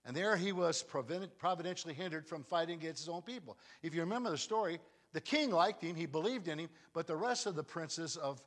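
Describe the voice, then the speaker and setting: A man preaching a sermon in an animated storytelling manner, his voice sitting a little high and leaping up and down in pitch. He swings between loud, driving moments and hushed passages as he tells the story. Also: fast. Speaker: guest pastor.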